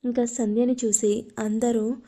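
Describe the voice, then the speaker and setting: A woman narrating a love story, reading in a steady, flat way. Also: a little high, measured pace.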